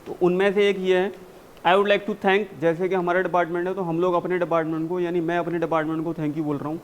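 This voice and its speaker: A man coaching spoken English in a classroom, mixing Hindi and English, drilling phrases slowly and urging students to read with energy. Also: high-pitched, little pitch movement, a little hiss or hum. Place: university classroom.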